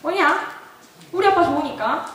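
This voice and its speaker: A woman giving a testimony sermon at a church retreat, telling an animated story and putting questions to the audience. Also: high-pitched, moderate pace. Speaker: retreat speaker. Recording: echoey hall, distant mic.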